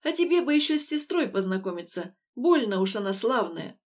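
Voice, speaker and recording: A woman's voice: on the high side, sing-song, a little mellow. Woman voicing a blunt older mother. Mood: brisk. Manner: brisk, plain-spoken. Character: older mother, blunt, decisive, warm-hearted.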